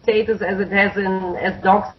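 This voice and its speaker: A woman speaks haltingly as her call connection breaks up, words dropping out mid-sentence. Her voice is breathy and husky. The line sounds dull and lo-fi, like a muffled remote call. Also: medium pitch, level tone. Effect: call audio breaking up and dropping out. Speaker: animal shelter representative, interview guest. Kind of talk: phone-in radio interview.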